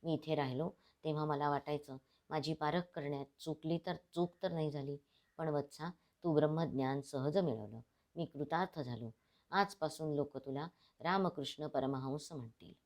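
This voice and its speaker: A woman's voice: low voice, moderate pace, a little mellow. A woman reading the part of a stern, elderly male ascetic guru in a storybook narration. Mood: solemn.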